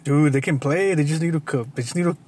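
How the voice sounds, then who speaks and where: A man's voice: on the high side, quick pace, darkish tone, a little hiss or hum. Rambling man who keeps saying "dude". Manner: rambling, says "dude" constantly, restarts sentences. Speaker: podcast co-host. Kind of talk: casual sports chat.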